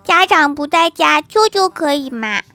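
A woman voicing a blunt, innocent little girl who drags her words out slowly like a child. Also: sits high, expressive, bright, forceful tone, soft background music, voice pushed up, heavily acted. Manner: slow, drawn-out childish delivery.

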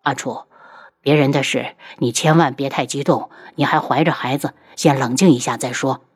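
A woman voicing a calm, protective young prince who soothes his wife in a low, measured voice. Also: breathy edge. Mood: soothing.

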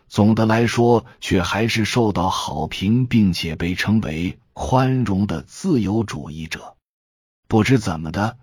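Slow, husky male storyteller. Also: on the low side, dry recording, clean studio sound. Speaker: audiobook narrator. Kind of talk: storytelling audiobook narration.

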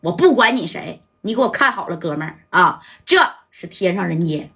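A woman voicing a tough male nightclub owner who gives gruff, contemptuous orders. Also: fairly low pitch, animated, moderate pace, a bit bright, voice pushed down, exaggerated voice. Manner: gruff, commanding.

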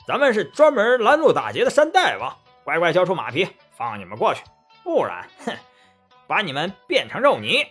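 A blustering bandit chief, as a man puts him on, pushed high and loud, barking threats with a jeering snort. The tone is husky, with faint music behind. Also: wildly swooping pitch, moderate pace, full character voice. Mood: threatening.

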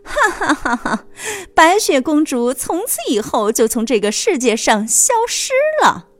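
A vain, spiteful storybook queen with a high, haughty voice, as a woman narrator puts her on. She sounds cruel and scheming. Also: very animated, a little slow. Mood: gloating.

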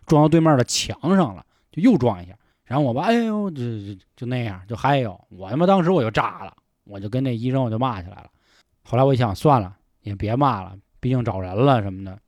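A man's voice: mid-range voice, a little mellow, no room sound, clean studio sound. A man hosting a casual podcast chat, frank and reflective, often swearing. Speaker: podcast host.

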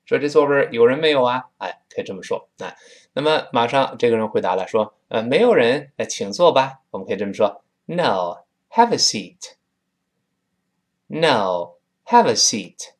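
Man, Tianjin accent, English teacher, lively swooping pitch, chatty lesson. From Tianjin, China. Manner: drawn-out slow demonstrations of words.

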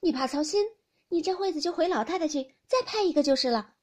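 A woman reading aloud as a quick-witted, shrewd young noblewoman who answers with brisk, glib retorts. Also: sits high, expressive, darkish tone, voice pushed up. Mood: sly.

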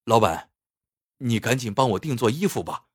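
A man's voice: mid-range voice, animated, normal speed, husky, no echo, clean studio sound. A man voicing an earnest, nostalgic man looking for an old friend, with an emotional delivery. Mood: resolved.

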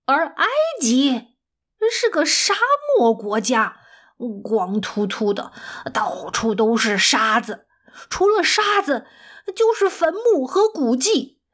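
A woman narrating a children's story with a gentle, expressive, drawn-out delivery. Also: on the high side.

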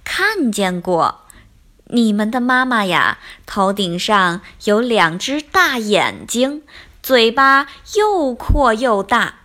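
A woman voicing a kind, calm mother duck who talks slowly and soothingly. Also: full character voice. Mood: gentle. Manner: slow, low and soothing.

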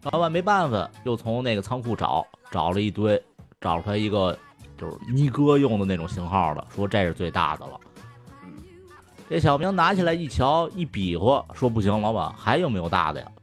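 A man's voice: medium pitch, sing-song, moderate pace. Guy cracking dirty jokes, voice swings all over, cusses a lot, faint music behind. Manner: swears freely, laughs loudly at his own jokes. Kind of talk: casual chat, telling jokes.

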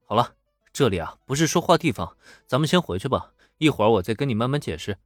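A man voicing a calm, patient young male mentor who reassures with light teasing. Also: mid-range voice, fast, no room sound, studio quality, soft background music, lightly acted. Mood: reassuring.

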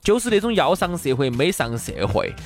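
语速很快、音调偏高的四川话男主持. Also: male voice, fairly high pitch, big pitch swings, fairly quick, faint music behind. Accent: Sichuan. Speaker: talk show co-host. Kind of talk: casual bantering radio chat in Sichuan dialect.

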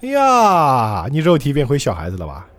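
A man's voice: mid-range voice, huge pitch swings, normal speed. A man voicing a sadistic grown man who gloats over bullying children, in a smug, sneering manner. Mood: gloating.

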